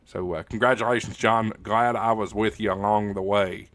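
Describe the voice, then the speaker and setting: This American livestream host has a lowish, fairly bright voice with a steady tone and a moderate pace, recorded dry. He chats casually with viewers, reading their comments in an informal, folksy, joking way.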